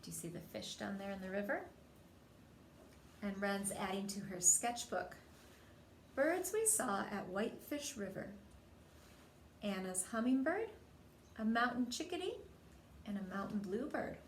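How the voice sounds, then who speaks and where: Reading a picture book to young kids, this woman speaks in a mid-range voice, unhurried and pausing often. She tells the story expressively, voicing the dialogue and putting questions to her audience, with roomy echo and slight background noise around her.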